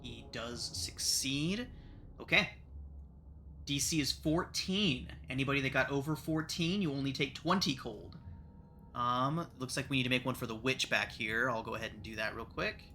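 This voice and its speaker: A man's voice: medium pitch, moderate pace, pushed and bright, a little hiss or hum. A man narrating a tabletop game as the game master.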